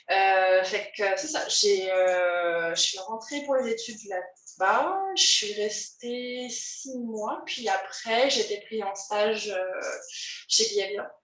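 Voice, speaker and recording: A woman's voice: mid-range voice, a bit bright, distant mic. A woman, an illustrator telling her own story in a recorded testimony, hesitant with many fillers, restarts and light laughs. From France. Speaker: illustrator and teacher. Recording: roomy, voice from the mic.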